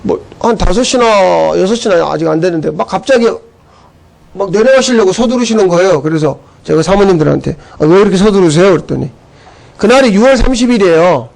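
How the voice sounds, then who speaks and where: A man's voice: sits high, expressive, fairly quick, creaky, a little mellow, rough recording. A man pastor preaching a sermon, emphatic and full of rhetorical questions, telling stories to make his point.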